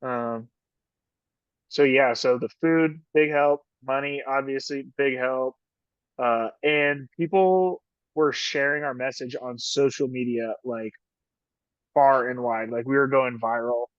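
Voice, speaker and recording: A man chats loosely in an interview, circling his point with lots of fillers and quick laughs. The sound is dry and a little dull, like a video call. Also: mid-range voice, steady tone, clear, resonant tone, dry recording. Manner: rambling, filler-heavy, frequent "like", laughs often. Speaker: ski patroller and union officer. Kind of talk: casual interview chat.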